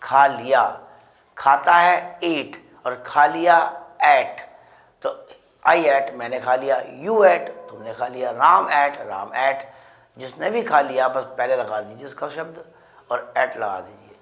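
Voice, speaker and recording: A man with an Indian accent teaching English grammar in Hindi, explaining slowly and repeating examples with frequent check-ins to his students. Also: medium pitch, fairly bright tone. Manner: slow, repetitive explaining with frequent "ठीक है जी". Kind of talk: spoken English lesson in Hindi.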